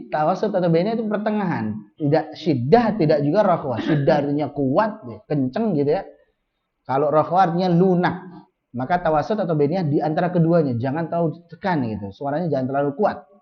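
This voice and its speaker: Male tajwid teacher, corrective and patient, slow modeled chanting, muffled recording. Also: on the high side, lively intonation. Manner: patient, corrective, models recitation slowly then explains. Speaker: Quran recitation teacher. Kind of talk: tajwid lesson with call-and-response drills. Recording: dull lo-fi sound.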